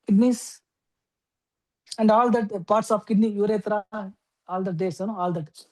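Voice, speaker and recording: A woman teaching an astrology class, explaining step by step with frequent okays and pauses. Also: medium pitch, fairly even intonation, darkish tone, low-quality recording. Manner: explains slowly with many okays and fillers. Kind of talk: lecture.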